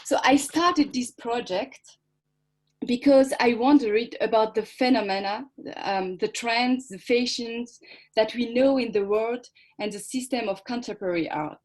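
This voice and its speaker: A woman artist whose first language is not English, speaking haltingly with many fillers on a video call, partly reading from a prepared text. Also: a little high. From Switzerland. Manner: hesitant, many fillers and restarts. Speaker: artist presenting her project. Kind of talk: halting symposium talk, partly read aloud.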